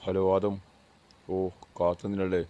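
A man voicing a brisk company boss who lays off a worker, in an amateur dub of a game short film. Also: sits low, monotone, dark tone, highs cut off. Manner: brisk and matter-of-fact. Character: male company boss, blunt and businesslike.

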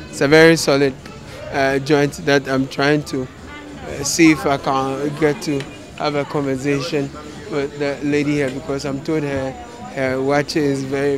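A young man with a Ghanaian West African accent doing unscripted street reporting outdoors on a handheld microphone, hesitating as he goes. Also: fairly high pitch. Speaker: TV reporter interviewing people in the street. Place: outdoors at night in a busy market street. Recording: street noise with crowd chatter.

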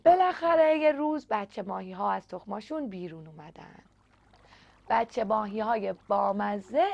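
Lady reading a kids bedtime story, gravelly edge, kinda high, dull lo-fi audio. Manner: gentle, expressive reading. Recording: dull lo-fi recording.

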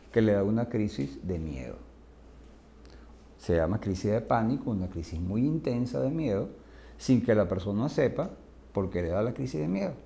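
A man's voice: on the low side, creaky, warm tone. A man with a Venezuelan accent, a psychiatrist giving an interview, telling stories vividly and acting out what people said. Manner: vivid storyteller, acts out quoted speech. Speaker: psychiatrist guest. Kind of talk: storytelling interview answer.

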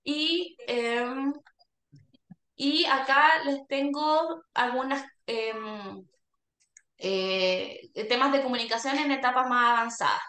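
A woman's voice: high voice, slow, bright, forceful tone. A woman, a speech therapist explaining to caregivers in a workshop and often checking in with a questioning "¿ya?". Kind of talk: workshop talk. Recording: echoey room.

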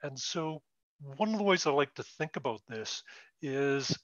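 A man from Canada, a guest on a live stream, explaining ideas in a measured, plainspoken way. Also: mid-range voice, lively intonation, a bit bright, dry recording, highs cut off. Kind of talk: casual interview.

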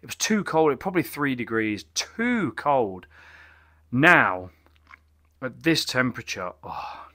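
A middle-aged man films a casual beer review vlog inside a small home bar cabin with shelves of bottles, rambling enthusiastically with frequent restarts and exclamations. His mid-range voice is sing-song, pushed, and bright, and he takes it slowly.

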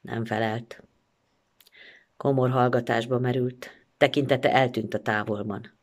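An actress reciting a first-person story theatrically, expressive and shifting between pleading and irony. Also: female voice, very deep voice.

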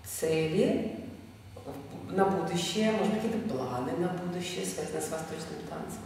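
A woman, a dance teacher, asks questions in a chatty, halting way, full of restarts. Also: lowish voice, animated, a little mellow, a little hiss or hum. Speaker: dance teacher interviewing a student. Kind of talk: casual interview. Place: large dance studio, indoors. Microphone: far camera. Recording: echoey hall from far off.

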